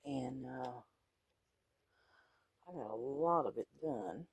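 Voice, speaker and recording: A middle-aged man with a wheezy, congested, breathy rasp, chatting casually and haltingly in an unhurried, folksy way while he paints. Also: medium pitch, no room sound. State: congested, wheezing, clearing throat often. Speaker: painting vlogger.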